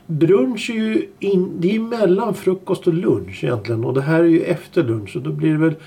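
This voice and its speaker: A man's voice: a little high, gravelly, warm tone. A middle-aged man co-hosting a casual chat, explaining things at length with restarts. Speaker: podcast co-host.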